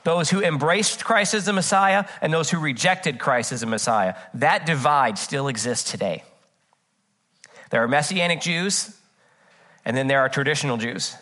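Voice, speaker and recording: With a fairly high, bright, and forceful voice at normal speed, a pastor gives an earnest, chatty sermon. He reads from scripture and tells funny stories from his own life, scattering "uh, uh" fillers throughout.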